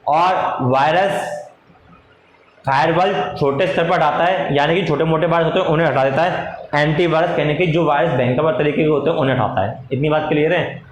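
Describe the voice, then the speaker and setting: A man teaching a class, dictating notes slowly, repeating phrases and answering his own questions in a lower voice. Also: steady tone. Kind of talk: classroom lecture. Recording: echoey room with faint noise.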